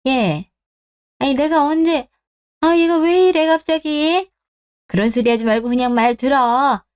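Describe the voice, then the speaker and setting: A woman's voice: sits high, measured pace, darkish tone. A woman voicing a blunt, worried middle-aged mother who scolds her son in a radio drama. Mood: scolding. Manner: scolding, exasperated questions.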